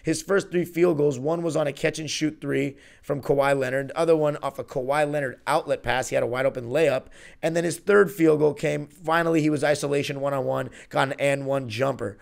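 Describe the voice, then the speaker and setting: Gravelly and a little high, this excited young man talks a bit fast with few pauses as he hosts a solo postgame basketball breakdown. His delivery rambles and self-corrects, full of fan enthusiasm. A studio mic on a stand sits in front of him in a small room backed by a virtual arena.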